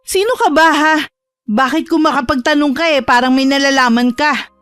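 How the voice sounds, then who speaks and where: A woman's voice: high voice, normal speed, no room sound, faint music behind. A woman voicing a bitter, scheming woman who talks sharply and rudely in a horror radio drama. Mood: hostile. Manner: sharp, rude, defensive.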